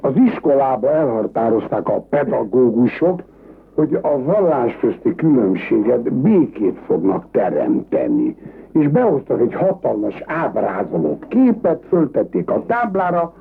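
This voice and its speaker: A man telling bawdy cabaret jokes in a lively, colloquial storyteller manner, heard on a tinny old cassette dub. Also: medium pitch, gravelly, husky. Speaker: joke teller.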